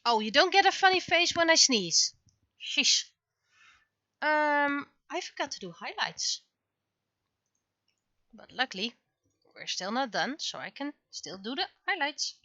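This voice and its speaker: This woman, a webcomic artist, talks casually to her livestream while she draws, muttering to herself and thinking aloud. She speaks unhurriedly with frequent pauses in a high-pitched, sing-song voice that sounds pushed and bright, captured dry and lo-fi.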